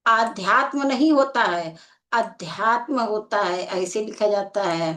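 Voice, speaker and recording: A woman teaching a Hindi spelling lesson for exam preparation, explaining slowly and checking in with the class again and again. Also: mid-range voice, animated. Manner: slow and explanatory, repeating "ठीक है" as a check. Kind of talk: exam-prep lecture.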